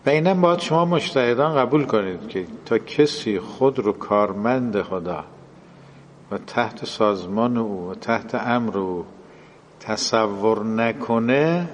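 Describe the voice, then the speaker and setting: Male lecturer, mid pitch, measured explaining delivery, recorded in a reverberant hall with faint background noise. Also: expressive. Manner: explanatory, quotes and translates Arabic phrases. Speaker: religious lecturer. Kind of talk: classroom lecture.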